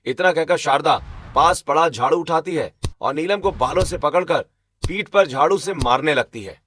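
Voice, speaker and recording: A man narrating a cartoon story in a steady storytelling manner. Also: fairly high pitch, normal speed, a little hiss or hum.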